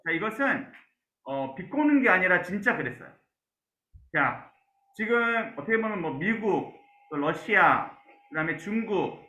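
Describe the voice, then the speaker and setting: Male pastor, lively, high-pitched teaching voice; asks the class questions; roomy lo-fi sound. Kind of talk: Bible class lecture.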